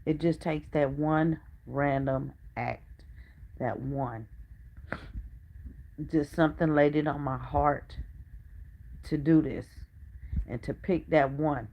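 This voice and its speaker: Middle-aged woman vlogger, unhurried earnest storytelling, mid-pitched voice, muffled lo-fi home recording. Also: steady tone, a little hiss or hum. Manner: chatty and earnest, drops to a hush when retelling what others said. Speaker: family vlogger. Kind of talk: casual storytelling to viewers.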